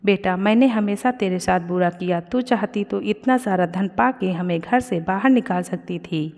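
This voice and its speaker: A woman's voice: mid-range voice, moderate pace, darkish tone, lightly acted. A woman voicing a cruel, miserly mother-in-law who scolds harshly. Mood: remorseful. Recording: long reverb.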